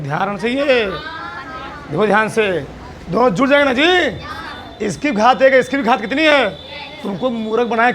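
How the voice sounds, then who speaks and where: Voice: mid-range voice, bright, forceful tone, slight background noise. A teacher giving a classroom maths lesson, asking the students question after question in a coaxing, teasing way.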